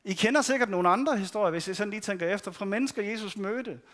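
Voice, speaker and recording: A man's voice: high voice, a bit bright. A man giving a sermon, telling the stories in a conversational way and voicing the people in them. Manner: conversational storytelling with quoted voices. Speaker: preacher.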